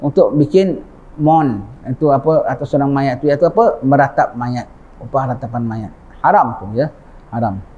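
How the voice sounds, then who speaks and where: A man's voice: medium pitch, moderate pace, warm tone, breathy edge, muffled recording. A man with a Malaysian Malay accent giving an informal religious talk, often checking in with his listeners. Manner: conversational, often asks the audience 'ha?'. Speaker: religious preacher. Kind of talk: informal sermon.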